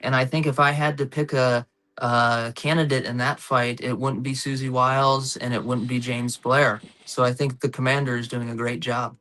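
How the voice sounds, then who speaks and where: A man in his thirties hosts a casual talk show, his voice bright and forceful. He talks eagerly, drifting into nerdy history tangents full of ums and uhs. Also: mid-range voice, flat delivery, normal speed. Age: 30s. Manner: eager, nerdy history digressions with many fillers. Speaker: host.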